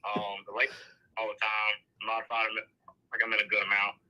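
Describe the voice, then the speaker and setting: Young racer on a speakerphone line. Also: male voice, fairly low pitch, completely flat delivery, bright, forceful tone, muffled recording. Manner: halting, many fillers. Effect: heard over a phone on speaker. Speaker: race car driver. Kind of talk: phone-in interview.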